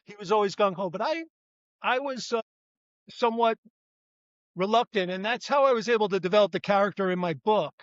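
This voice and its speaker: An older man, a retired police detective, rambles and corrects himself as a guest in a conversational interview. His voice sits high, he talks briskly with long pauses, and the recording is muffled but free of echo.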